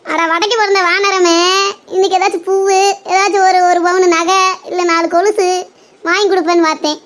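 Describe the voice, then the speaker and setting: A sharp, piercing older mother-in-law, voiced by a performer, who rattles off complaints at speed. She speaks, scolding everyone around her in a comedy skit. Her voice stays high and shrill throughout. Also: flat delivery, brisk. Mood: exasperated.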